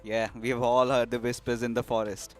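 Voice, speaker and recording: A man with an Indian English accent, a guest analyst who talks excitably and hesitantly, with many fillers. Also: mid-range voice, normal speed, soft background music. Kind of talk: esports analyst desk commentary.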